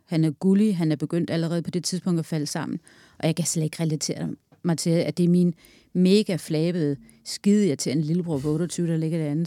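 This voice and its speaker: A woman in her forties speaks frankly and earthily in an interview, walking through a hard memory in vivid detail. Her voice is mellow and soft-toned. The recording is dry and close, with no room sound. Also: on the low side, no room sound. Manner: candid, earthy, recounting loss in vivid detail. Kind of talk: personal storytelling interview.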